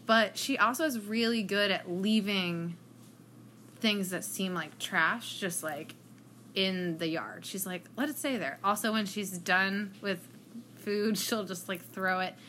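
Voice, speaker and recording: Bright-voiced woman hosting a podcast. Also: mid-range voice, steady tone, slow, slight background noise. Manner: laid-back, upbeat, laughs easily. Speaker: podcast host. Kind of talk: casual chat.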